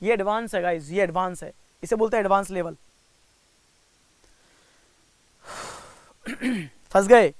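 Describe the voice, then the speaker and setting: Speaking in a high-pitched voice on a dry recording, a young man teaches bank-exam reasoning to a live online class. His Indian English slides into Hindi as he teases and coaxes students by name. Each step gets spelled out slowly.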